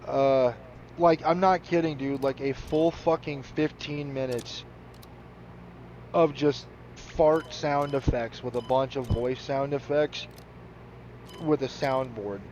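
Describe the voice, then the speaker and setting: A man's voice: on the high side, slow pace, darkish tone, muffled recording, a little hiss or hum. A man chatting casually while playing a game, rambling, laughing often and swearing freely. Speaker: gaming channel host. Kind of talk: casual commentary over gameplay.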